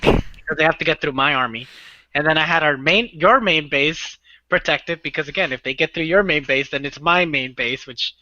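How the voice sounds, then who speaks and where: A man's voice: a little high, normal speed, bright, forceful tone, no room sound, dull audio. A man giving casual gaming commentary, joking and explaining strategy and swearing freely. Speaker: co-player and commentator.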